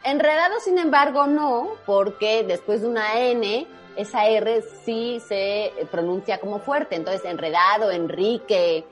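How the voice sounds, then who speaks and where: A woman's voice: mid-range voice, a little slow, few pauses, faint music behind. A woman from Spain who patiently explains spelling rules step by step in a casual chat. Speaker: spelling quiz guest expert.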